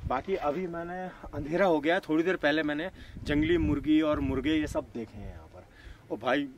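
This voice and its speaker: A man in his thirties with a mid-range voice vlogs casually while camping alone at night beside a tractor caravan on a hilltop, with slight background noise. The camera sits a few metres away, and he chats easily with viewers, calling them brother again and again.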